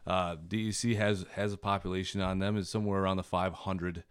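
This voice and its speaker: A man, a podcast guest telling relaxed stories and laughing often in a casual chat. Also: low-pitched, brisk, smooth, dry recording.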